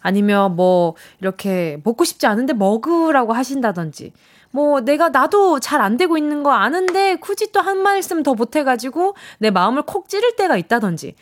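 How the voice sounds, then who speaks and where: A woman's voice: sits high, very animated, moderate pace. A young woman hosting a radio show, reading listener messages in a chatty, encouraging way and acting out quoted lines.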